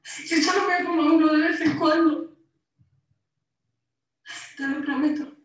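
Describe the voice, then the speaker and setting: A harassed woman from Spain, tense and pleading as she argues with her ex through the intercom. Her voice sits high. The clip is played back from a distance, echoing heavily through a large hall. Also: fairly even intonation, measured pace. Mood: weary. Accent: Spain Spanish. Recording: echoey distant playback in a hall.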